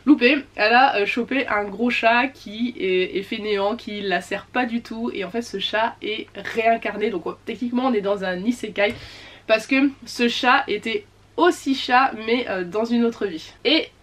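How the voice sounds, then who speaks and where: Chatty french woman doing a book haul, slightly high voice, lots of ums. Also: moderate pace, a bit bright. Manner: chatty, frequent fillers and self-corrections. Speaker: book vlogger. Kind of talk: casual book haul chat.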